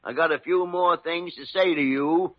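An actor playing a gruff, blunt, commanding old senior doctor in classic American radio drama, with a brusque, scolding manner. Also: male voice, fairly high pitch, moderate pace, no echo, faint music behind, natural voice. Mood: angry, scolding. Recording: dull, band-limited old radio recording.

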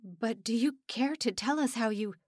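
A woman voicing a gentle, hesitant middle-aged male missionary in an audiobook. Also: fairly high pitch, moderate pace, no echo, clean studio sound, close to an everyday voice. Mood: calm. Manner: tentative, calm.

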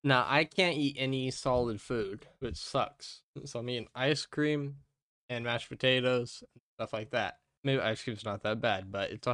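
A man hosting a casual gaming podcast, talking in a rambling, halting way with his speech muffled by gauze in his mouth. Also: medium pitch, fairly bright tone, dry recording, studio quality. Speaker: podcast host.

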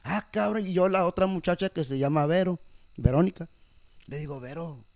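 A man's voice: a little high, brisk, no room sound. A young man, telling a story in a casual chat and mixing English words into his slang. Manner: animated, mixes English words into Spanish slang.

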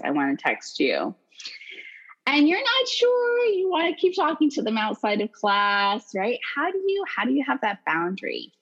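A woman's mid-range voice comes through a muffled recording as she speaks as a guest in a podcast interview. She works as a consent educator, and she explains things animatedly, slipping into character for the voices she quotes.

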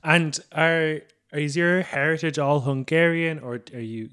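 A man's voice: on the high side, fairly even intonation, unhurried, fairly bright tone, smooth, dry recording, studio quality. A man hosting a documentary podcast, reading a scripted introduction and then asking friendly, loosely phrased interview questions. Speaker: podcast host.

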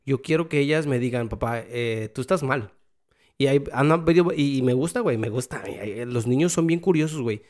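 A man with a Mexican Spanish accent chats casually in a rambling, slang-heavy flow. He drifts between Spanish and English as he talks. His voice sits at an ordinary middle pitch. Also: fast, few pauses, a little mellow. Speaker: father. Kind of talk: casual conversation.

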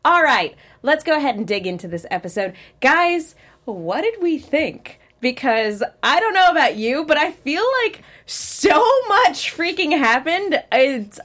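A woman's voice: high voice, big pitch swings, measured pace, a bit bright. A young adult woman hosting a casual TV aftershow panel, upbeat and chatty. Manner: upbeat, chatty, laughs often. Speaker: host. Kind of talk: casual chat.

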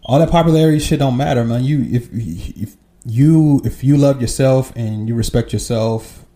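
A man in his forties with a deep, very dark and mellow tone speaks in a relaxed, candid podcast conversation. His talk is loose and profane, broken up by easy laughs. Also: moderate pace. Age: 40s. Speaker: podcast guest. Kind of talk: casual chat.

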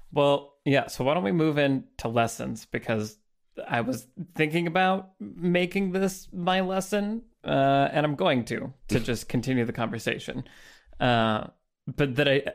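A man with a mid-range voice guides a casual podcast conversation about films. He talks in a thoughtful, reflective way and turns to his co-hosts by name as he pulls their points together. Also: medium pitch. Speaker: podcast co-host. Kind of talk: casual film discussion.

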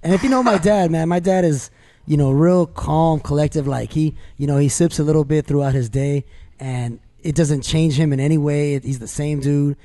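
Chill podcast dude laughing through family stories, dark mellow tone, cusses a lot. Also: male voice, fairly high pitch, normal speed. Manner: laughing storyteller, swears freely. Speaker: podcast co-host. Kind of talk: casual chat.

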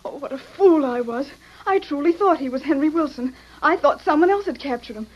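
Radio western ingénue: a brave but worried young American woman, high, pleading delivery, animated, dull vintage sound. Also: a little fast. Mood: remorseful. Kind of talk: 1940s-50s radio western acting.

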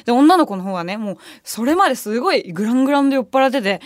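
A young woman radio host who talks very fast in a bright, higher voice. She tells stories with lots of laughter and playful mock retorts. The recording is close and dry, from a studio. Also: dry recording. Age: young adult. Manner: animated storytelling, laughs often, mock retorts. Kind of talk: casual chat. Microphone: studio microphone.

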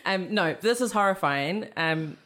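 A New woman co-hosts a casual podcast in a slightly low voice. She tells things with wry, dramatic emphasis and lingers on the words she wants to land. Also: lively intonation, unhurried, fairly bright tone. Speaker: podcast co-host. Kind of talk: casual chat.

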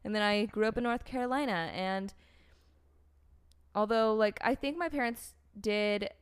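A young woman from the United States tells a personal story in casual conversation, with a mid-range, clear and resonant voice at a slightly slow pace. She rambles, restarting sentences often and leaning heavily on "like" and "um."

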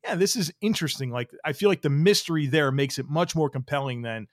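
A man's voice: fairly high pitch, fast talker, no room sound, clean studio sound. A man hosting a sports podcast in casual chat, talking in a rambling way with lots of "like". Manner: rambling, heavy use of "like". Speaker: podcast host.

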